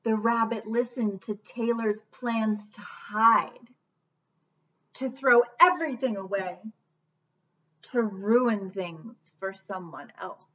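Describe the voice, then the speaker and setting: Casting: woman, 30s, children's storyteller, unhurried and gentle, dull webcam audio. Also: mid-range voice. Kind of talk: picture book read-aloud. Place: small room indoors. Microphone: webcam at about arm's length. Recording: dull webcam sound, distant mic.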